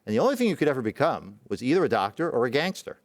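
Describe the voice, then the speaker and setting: A middle-aged man born in Israel tells a personal story in a talk, halting and reflective, with many fillers and restarts. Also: medium pitch, sing-song, dry recording. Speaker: presenting physician.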